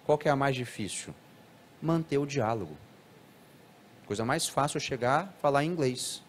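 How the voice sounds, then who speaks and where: A man giving a live talk to an audience, animated and now and then acting out children's speech in a higher voice. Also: normal speed, a little hiss or hum.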